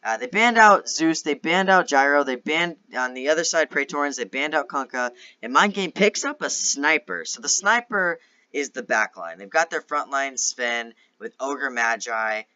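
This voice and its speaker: Male esports caster, bright forceful voice, analytical live match commentary, dull lo-fi microphone. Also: medium pitch, lively intonation, moderate pace, smooth.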